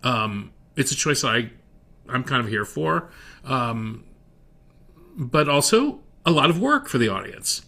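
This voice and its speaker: A middle-aged man talks through a song's lyrics on his podcast, reading each line aloud with lively emphasis. He turns critical in quieter asides between the quoted lines. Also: mid-range voice, slow. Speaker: podcast host. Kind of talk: solo analysis of a song's lyrics.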